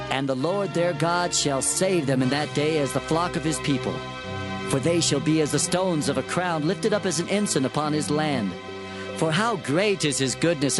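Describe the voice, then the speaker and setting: In a dramatized scripture reading, a male actor with a slightly high, natural voice plays a solemn prophet declaiming divine oracles in archaic language. His mood is exultant.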